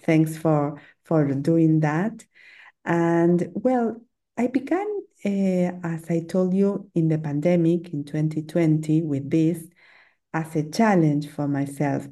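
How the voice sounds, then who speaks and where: A middle-aged Argentine woman, a native Spanish speaker with an Argentine Spanish accent, is a guest on a podcast in a casual interview chat. She is hesitant and chatty, with many fillers, restarts, and frequent little laughs. Her voice is low and dark in tone.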